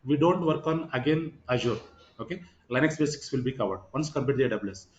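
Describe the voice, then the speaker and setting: A man's voice: mid-range voice, a little fast, a little hiss or hum. A man giving an informal online lecture as a course trainer, repeating himself and checking in with "right" and "okay". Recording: roomy echo, slightly muffled sound.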